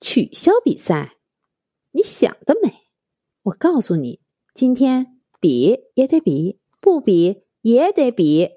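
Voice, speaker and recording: A woman's voice: on the high side, sing-song, slow pace, mellow, no echo, clean studio sound, heavily acted. A woman voicing a bossy young woman who taunts and gives orders in a storybook tale. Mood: domineering. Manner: taunting, commanding.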